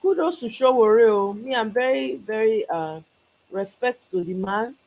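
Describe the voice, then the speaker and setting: A woman's slightly high, narrow voice comes through tinny audio, unhurried yet lively in intonation. She hosts her own political commentary channel from abroad, a Nigerian speaking alone with passion and alternating between Pidgin and English.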